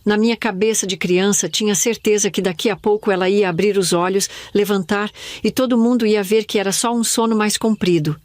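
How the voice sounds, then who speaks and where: An older woman from Brazil narrates a sad family story, slow and somber. Her voice sits at a middle pitch. It is recorded dry and close, with no room sound. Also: fairly even intonation, a little mellow, no room sound. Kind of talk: scripted first-person narration.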